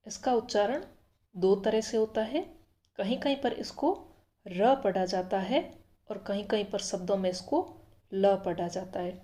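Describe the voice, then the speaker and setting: A woman's voice: medium pitch, warm tone. A woman teaching a language lesson, repeating each letter sound patiently and explaining step by step. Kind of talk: slow, careful language lesson.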